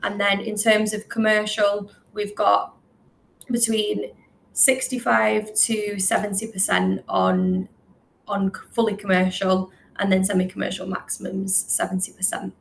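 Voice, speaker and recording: A woman who works in business development at a lender talks very quickly with frequent fillers as she presents on a webinar and answers questions over a video call. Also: medium pitch, creaky, a little hiss or hum, low-quality recording. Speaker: finance business development manager.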